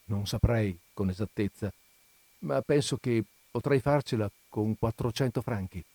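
A man's voice: medium pitch, expressive, normal speed, dark tone, no room sound, lightly acted. A man voicing a young wife who is anxious, hesitant and longing for luxury, in a read-aloud story. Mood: plaintive.

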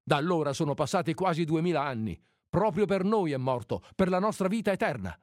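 A man's voice: a little high, lively intonation, brisk, no room sound, studio quality, pitched above the performer's own voice, close to an everyday voice. A man voicing an agitated elderly village priest who pleads and grows angry. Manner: pleading, rising to anger.

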